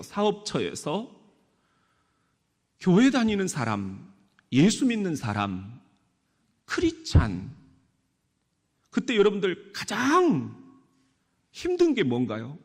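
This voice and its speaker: A man preaching a sermon as pastor of a church, speaking in an animated way and often asking his congregation questions. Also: fairly high pitch. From Korea. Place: church sanctuary. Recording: echoey church hall.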